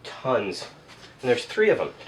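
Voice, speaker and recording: A man's voice: mid-range voice, huge pitch swings, unhurried. A man chatting casually while installing drawers, captured on old camcorder audio. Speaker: home woodworker filming himself. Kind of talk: casual chat while working. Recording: noisy old camcorder audio, distant mic.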